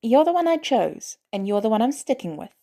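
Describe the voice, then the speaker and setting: Playing a teenage boy in an audio drama, a woman pitches her voice high and has him fire off cheeky, excited questions, eager and stubborn. The delivery is brisk.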